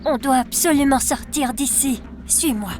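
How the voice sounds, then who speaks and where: A woman's voice: high-pitched, moderate pace, over loud music, close to an everyday voice. A woman playing a resolute young pop singer, urgent and reassuring, in a children's skit.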